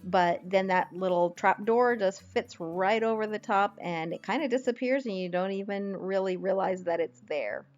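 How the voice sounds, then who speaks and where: A woman's voice: mid-range voice, moderate pace, hardly any pauses, a little mellow, highs cut off. A woman home vlogger casually narrating a makeover video in a pleased, chatty, step-by-step way. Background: background music.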